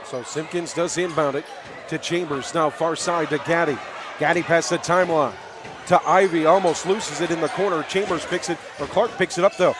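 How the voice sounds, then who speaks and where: A man calls live radio play-by-play at a high school basketball game, rooting for the home team and exclaiming on big plays. His voice is a little high and steady, at a normal speed. Loud crowd noise and bouncing balls fill the gym.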